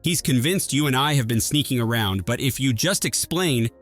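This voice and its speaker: A man's voice: medium pitch, lively intonation, moderate pace, fairly bright tone, faint music behind. A man voicing a distraught young bride who pleads tearfully and urgently for help. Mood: desperate pleading.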